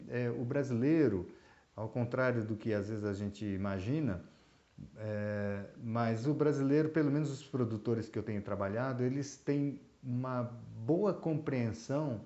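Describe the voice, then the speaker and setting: A man's voice: medium pitch, mellow. A Brazilian man who exports mushrooms explains the trade in a hesitant way, with many fillers and restarts. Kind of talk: explanatory talk. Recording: roomy, dull lo-fi sound.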